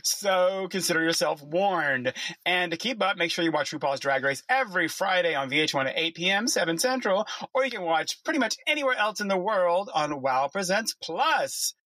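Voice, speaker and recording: High, bright-voiced man hosting a podcast. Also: animated, normal speed, no room sound. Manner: effusive, exclamatory. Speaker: podcast host, TV producer. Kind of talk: bubbly interview podcast hosting. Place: small clothes closet at home, dry sound.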